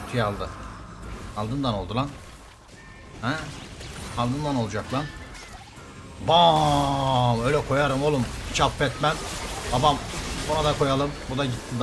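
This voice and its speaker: A man streaming a game live, commenting excitedly, trash-talking opponents and calling out to his viewers. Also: medium pitch. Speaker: gaming streamer.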